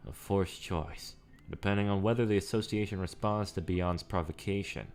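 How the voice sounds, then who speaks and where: A coolly stern male hunter from a manga, read by a man taunts in a low voice. The delivery is deliberate and threatening. Faint music plays behind it.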